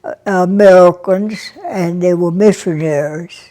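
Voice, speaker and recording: A woman over a hundred, raised in Brazil, recalling her years as an army nurse in an interview, speaking softly and haltingly with many pauses. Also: lowish voice. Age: over 100. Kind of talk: interview reminiscence.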